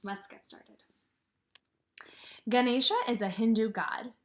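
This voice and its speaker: Speaking slowly in a fairly high voice, a kindergarten teacher reads to young children and explains the material with expressive emphasis, putting questions to them as she goes.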